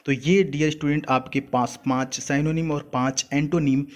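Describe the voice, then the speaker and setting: A man's voice: on the high side, fairly even intonation, moderate pace. A young man teaching a vocabulary lesson for exam students, explaining word meanings patiently and repeating key points.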